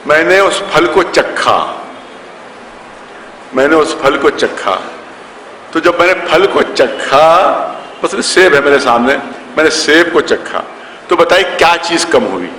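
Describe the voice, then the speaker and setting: A man delivers a storytelling sermon as a cleric, repeating key phrases and slipping into the voices of his characters. His voice is bright, forceful and a little high for a man. It rings through a large hall with a long reverb and faint ambience behind. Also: lively intonation, long pauses, a little hiss or hum. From India, Lucknow. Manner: repeats phrases for emphasis, acts out quoted voices. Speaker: Shia cleric reciting a majlis.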